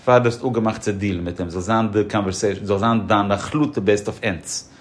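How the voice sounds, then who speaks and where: A man's voice: lowish voice, normal speed. A man as a podcast guest giving insurance advice, emphatic and explaining through examples. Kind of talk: casual podcast conversation.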